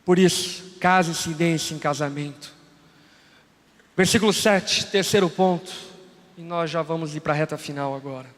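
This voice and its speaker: A man's voice: a little high, normal speed, a bit bright. A Brazilian man in his thirties preaching a sermon, telling stories and acting out the dialogue. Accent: Brazilian Portuguese. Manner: storytelling preacher, acts out dialogue. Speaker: pastor. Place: large church hall. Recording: long hall reverb.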